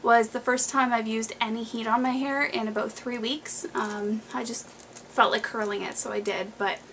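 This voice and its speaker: A woman's voice: on the high side, steady tone, moderate pace, creaky, a bit bright, a little hiss or hum, low-quality recording. Chatty young woman, slightly breathless. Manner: chatty, rambling, lots of fillers and restarts. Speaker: beauty vlogger. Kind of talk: casual monthly favorites vlog.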